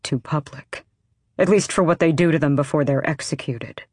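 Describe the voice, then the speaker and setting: A woman voicing a curt, gruff young rebel man. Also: low-pitched, normal speed, a little mellow, no echo, studio quality. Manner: curt, terse commands.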